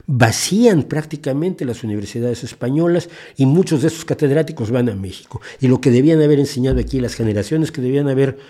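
A man's voice: mid-range voice, fast talker, few pauses, dark tone. A man in his sixties from Mexico, hosting a podcast and delivering an indignant, impassioned opinion monologue with frequent restarts. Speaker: podcast host.

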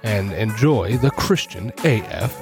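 A man's voice: lowish voice, lively intonation, measured pace, creaky, loud music behind the voice. Upbeat man hosting a podcast. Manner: upbeat, jokey. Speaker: podcast host. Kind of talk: casual chat.

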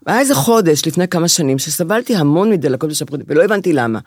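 A woman's voice: low-pitched, animated, a little mellow, husky, no echo, clean studio sound. A woman co-hosting a podcast, telling a personal story in a theatrical, mock-dramatic way. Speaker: podcast co-host. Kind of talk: casual chat, comic storytelling.

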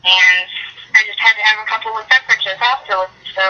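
A woman's voice: medium pitch, steady tone, a little fast, a crowd in the background. Woman guest on speakerphone, casual and joking, with a dull, lo-fi sound. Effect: heard over speakerphone. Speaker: guest on a phone call. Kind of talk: casual chat. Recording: muffled speakerphone line.

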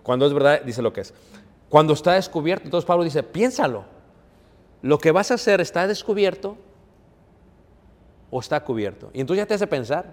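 Preacher in a reverberant hall. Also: male voice, fairly high pitch, lively intonation, moderate pace, long pauses, a little mellow. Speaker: pastor. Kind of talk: sermon.

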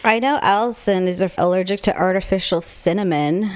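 A woman with a medium-pitched voice co-hosts a casual talk podcast. She speaks conversationally, with dry and matter-of-fact humor. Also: a little fast. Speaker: podcast co-host. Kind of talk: casual chat.

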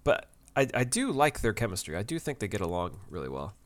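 Low-voiced man in easy podcast chat. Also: big pitch swings, a little fast. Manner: easygoing, self-deprecating, laughs at himself. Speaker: podcast co-host. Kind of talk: casual chat recapping a TV episode.

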